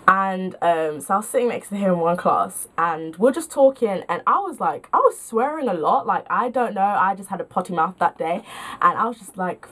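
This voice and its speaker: A woman's voice: medium pitch, lively intonation, moderate pace, a bit bright. A young woman tells stories to camera in a casual vlog. She talks in a chatty, self-mocking way. Her sentences are full of filler words. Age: young adult. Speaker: vlogger.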